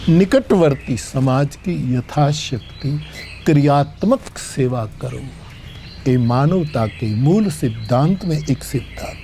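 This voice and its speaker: An older man from Gujarat, giving a devotional discourse in measured storytelling with sung verses. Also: mid-range voice, expressive, creaky, dark tone, slight background noise. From Gujarat, India. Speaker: spiritual storyteller.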